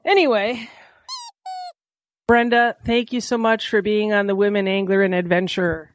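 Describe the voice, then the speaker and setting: A woman's voice: mid-range voice, fairly even intonation, normal speed, slight background noise. Chatty, folksy woman hosting an outdoor podcast. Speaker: podcast host. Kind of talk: casual outdoor podcast talk. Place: small lakeside cabin, indoors.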